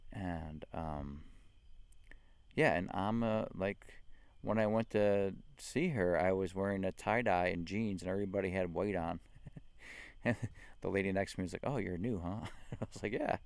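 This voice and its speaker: A man with a low, deep voice gives an unhurried spiritual talk into a handheld mic. He speaks earnestly, full of fillers and quiet laughs. The sound is close and dry. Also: smooth, dry recording. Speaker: spiritual vlogger. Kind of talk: casual spiritual talk to camera.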